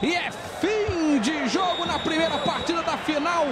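A man with a Brazilian accent doing live football play-by-play in an explosive goal commentary manner, with shouted, drawn-out calls. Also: very high voice. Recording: loud stadium crowd, music behind. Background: stadium crowd and music.

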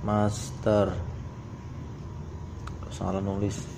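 A noisy amateur phone recording of a man hosting a casual tutorial. His voice is on the low side and very slow, moving haltingly from one step to the next. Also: monotone, vocal fry. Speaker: tutorial host.

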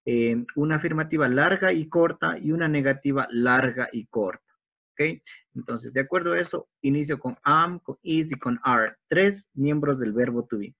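A man teaching an online English class, explaining grammar step by step in a patient way and slowing down for the English examples. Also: fairly high pitch, gravelly, dull audio. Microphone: video call.

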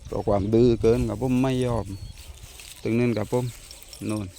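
A man's voice: lowish voice, steady tone, normal speed, gravelly, warm tone, a little hiss or hum. A man vlogging at home, talking politely to his viewers and sharply scolding his disobedient dog. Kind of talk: casual vlog chat.

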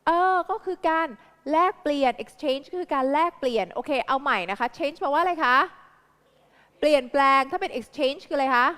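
A Thai woman tutoring a live class in English vocabulary, with a Thai accent, firing quick repeated questions at her students. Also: high-pitched, lively intonation, fairly bright tone, long reverb tail. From Thailand.

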